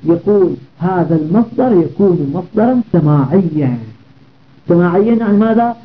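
A man's voice: sits high, animated, normal speed. A man giving a classroom grammar lesson, repeating word patterns and asking his listeners rhetorical questions. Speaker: Arabic grammar teacher. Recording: tinny phone-like audio.

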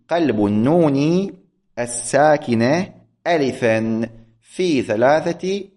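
Man teaching grammar, slow deliberate examples. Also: medium pitch, darkish tone. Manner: slows down to spell out examples, asks questions then answers them. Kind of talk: classroom lecture reading and explaining a text.

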